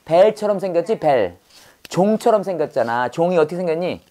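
A woman with a fairly low voice runs a brisk vocabulary lesson. She drills words through call-and-response and repeats each term again and again. Her quick questions keep the students answering. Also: expressive, mellow. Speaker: English vocabulary teacher.

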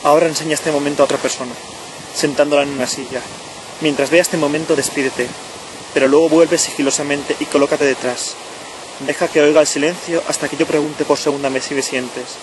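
A person speaking right in the listener's ear, guiding a relaxation in slow, short, measured phrases. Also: medium pitch, fairly even intonation. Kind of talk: slow guided relaxation narration, spoken to the listener. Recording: clear noise of rushing water. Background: running stream, natural outdoor ambience.

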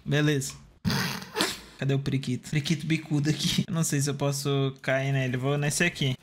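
A man's voice: medium pitch, level tone, a little fast, slight background noise. A young Brazilian man talking through his gameplay, chatty, swearing freely and laughing at himself. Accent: Brazilian Portuguese. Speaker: gaming streamer. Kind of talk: casual gameplay commentary.

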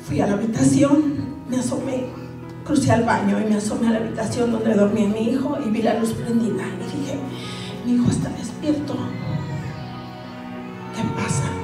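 Older woman, Mexican accent, slightly high voice, sorrowful halting testimony, distant mic, music underneath. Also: fairly even intonation, very echoey. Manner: slow, halting, sorrowful storytelling. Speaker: bereaved mother giving testimony. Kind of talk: personal testimony.

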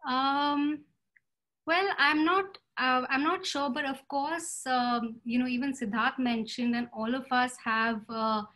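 A woman in her thirties talks over a laptop webcam from a room at home. She speaks in a halting, searching way, circling back and restarting her sentences as she thinks. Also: high-pitched, fairly even intonation, sharp tone. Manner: hesitant, many fillers and restarts. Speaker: panelist artist. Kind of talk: casual video call discussion. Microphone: laptop webcam video call.

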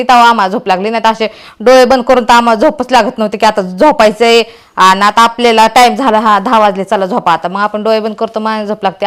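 A woman's voice: a little high, clear, resonant tone, no echo. A woman, telling a story to her vlog viewers and acting out the dialogue. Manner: animated retelling with quoted dialogue. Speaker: vlogger.

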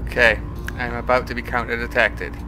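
A man's voice: little pitch movement, fairly quick. Understated male gamer over game music. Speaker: gamer, let's-play host. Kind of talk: casual game commentary. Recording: game music and engine rumble behind. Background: submarine game music and sounds.

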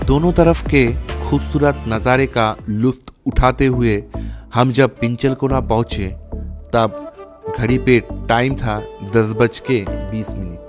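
A man narrating a travel vlog in a measured storytelling voice-over. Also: mid-range voice. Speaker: travel vlogger. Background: clear sitar music.

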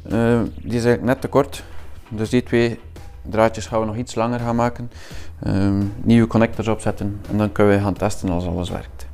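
A man, a motorcycle builder explaining his work in a workshop in a relaxed, hesitant way with many fillers. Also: on the low side, normal speed, hardly any pauses, faint music behind. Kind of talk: explaining while working.

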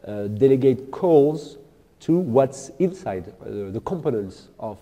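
A man giving a technical keynote talk at a conference, speaking haltingly with many fillers and restarts. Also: medium pitch, expressive, mellow. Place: large lecture hall with audience. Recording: echoey large hall.

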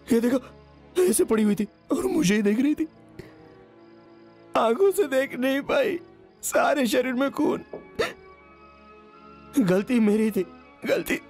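A drunk, grieving young beggar, very high voice. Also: male voice, animated, slow pace, pauses often, darkish tone, soft background music, full character voice. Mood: tearful. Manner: pleading, then tearful and rambling when drunk. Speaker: dubbing actor voicing a young man. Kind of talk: Hindi film dub.

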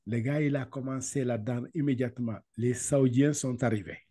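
A man's voice: medium pitch, moderate pace, dark tone. A man teaching how to read the Quran over a video call. He talks casually, laughs often, repeats syllables and slips into English. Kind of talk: casual online lesson.

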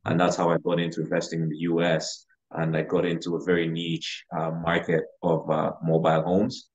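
A man from Uganda with a low, even-toned voice talks fairly quickly as a podcast guest and real estate investor in a casual interview. He's on a video call from his living room, sitting back from the camera, and the audio is dull and lo-fi.

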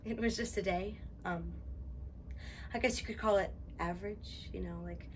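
A young woman playing a shaken, sorrowful teenage survivor in a dramatic monologue, halting and conversational. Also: mid-range voice, slight background noise, natural voice. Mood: numb, halting. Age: young adult. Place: indoors before a backdrop.

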